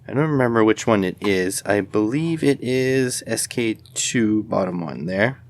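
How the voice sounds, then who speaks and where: With a fairly low, expressive voice and a measured pace, a video host who reviews electronics demonstrates a product off the cuff. He rambles in a plain, matter-of-fact manner.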